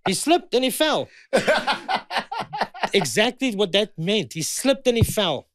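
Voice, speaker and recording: A man's voice: high-pitched, sing-song, takes it slowly, fairly bright tone, no room sound, clean studio sound. A South African man in his fifties, a guest in a heated conversation, pressing and repeating his points. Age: 50s.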